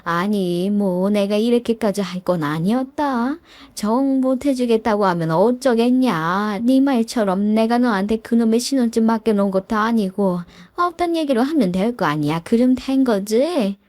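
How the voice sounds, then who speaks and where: A woman voicing an elderly mother-in-law who laments slowly and pleads, in a dramatized story reading. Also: a little high, animated, darkish tone, no echo, close to an everyday voice. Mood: grudging. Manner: drawn-out lamenting delivery.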